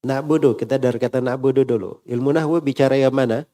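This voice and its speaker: A man teaches Arabic grammar to a class. His voice is warm and mellow. He keeps asking questions and drilling the word endings. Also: medium pitch, steady tone, fast talker. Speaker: Islamic teacher.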